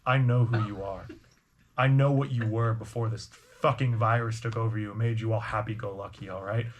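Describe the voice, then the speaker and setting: A man voicing a scarred, one-eyed male minotaur thug with a raspy, menacing voice. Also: fairly low pitch, fairly even intonation, fairly quick, slight background noise, voice pushed down, lightly acted. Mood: threatening.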